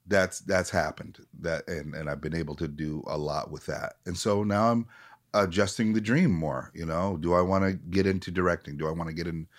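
A low-voiced man in his late forties, an actor from around Minneapolis, talks briskly as a guest in a conversation. He's open and thoughtful, often beginning his sentences again.

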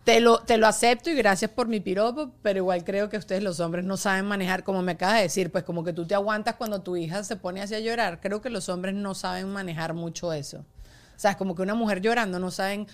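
A woman hosting a casual podcast chat, expressive and quick to laugh as she tells stories. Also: mid-range voice. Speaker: podcast host.

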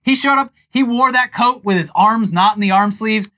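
Wry man with a bright, high-ish voice. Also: moderate pace. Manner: wry, laughing, reads news in a flat deadpan. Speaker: podcast co-host. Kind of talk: comedic political banter and reading news aloud.

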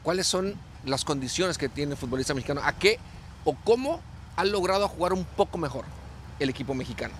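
A man's voice: fairly high pitch, lively intonation, brisk, a bit bright, slight background noise. A man, a former player, analysing football on a panel show, arguing emphatically and repeating phrases for stress. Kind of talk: sports panel discussion.

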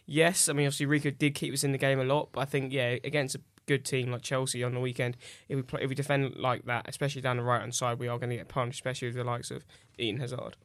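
A man's voice: mid-range voice, flat delivery, fast talker, few pauses, a bit bright, dry recording, studio quality. A man giving opinionated football analysis on a fan podcast. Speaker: podcast panelist. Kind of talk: casual fan podcast chat.

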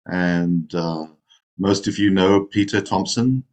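A man's voice: low-pitched, takes it slowly, darkish tone. A man hosting a gathering, politely introducing the guest speaker with some hesitation. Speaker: sangha host. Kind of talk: casual introduction.

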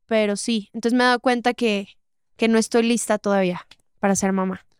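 A woman's voice: a little high, steady tone, a little fast, clean tone, no room sound, clean studio sound. A young woman in her twenties from Monterrey with a Mexican accent, a guest talking thoughtfully in a casual interview, often saying "o sea" and "¿sabes?". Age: 20s. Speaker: guest, singer.

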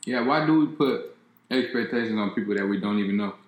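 A man co-hosting a casual chat, mostly monotone, rambling as he works through his points. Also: lowish voice, quick pace. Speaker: co-host. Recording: echoey room.

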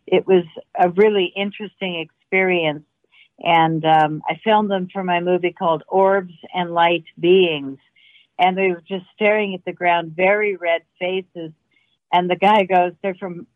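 A woman with a slightly low voice tells stories as an interview guest. She is conversational and emphatic. Her sound is thin and tinny, like a phone call, with no room echo. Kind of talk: conversational anecdotal storytelling. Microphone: phone or call line. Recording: narrow tinny phone-like line.

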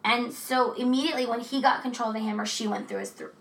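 A woman co-hosting a casual true crime chat, talking in a chatty, profane way with animated asides. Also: a little high, quick pace, reverberant, distant mic, poor audio. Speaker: podcast co-host.

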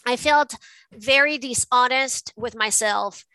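Bright, crisp-voiced woman from Venezuela. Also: on the high side, takes it slowly, no echo, poor audio. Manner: reflective, storytelling, many restarts. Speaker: guest, art advisor. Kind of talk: casual interview.

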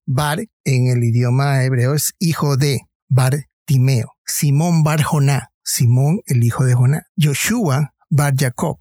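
Husky man explaining a Bible passage. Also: medium pitch, darkish tone, no echo, clean studio sound. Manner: explanatory, retells the story vividly. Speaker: preacher. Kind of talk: Bible reflection talk.

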